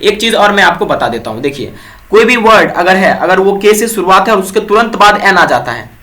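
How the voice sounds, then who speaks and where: A man's voice: high voice, sing-song, fairly quick, pushed and bright. A young man from Bihar teaching English vocabulary for an exam, who keeps asking his viewers questions and answering them himself. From Bihar, India. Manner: repeats quiz questions to viewers, fills with "ठीक है". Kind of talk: exam-prep vocabulary lesson.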